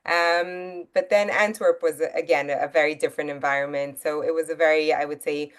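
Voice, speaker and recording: Woman, low pitch, born in Italy, raised in Belgium, guest author, thoughtful, pausing with ums. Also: fairly even intonation, clear, resonant tone. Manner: measured, thoughtful, many ums. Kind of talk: interview conversation.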